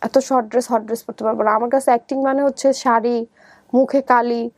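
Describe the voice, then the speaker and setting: Her voice on the high side and darkish, a young woman with a Bangladeshi accent speaks fairly quickly with a flat delivery while telling her personal story in an interview. She's conversational and often acts out other people's words, and the dry recording carries faint music in the background.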